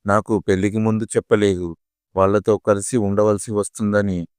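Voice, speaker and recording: A man's voice: lowish voice, level tone, normal speed, darkish tone, clear, resonant tone, no echo, clean studio sound, lightly acted. A man voicing an angry young bride in court, complaining indignantly as he reads the story aloud.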